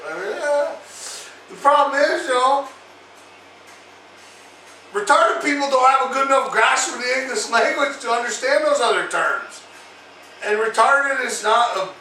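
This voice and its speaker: A man hosting his own vlog who tells a story casually, in a loud, profane, laughing rant. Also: sits high. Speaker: vlog host. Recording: echoey room, distant mic, faint hum.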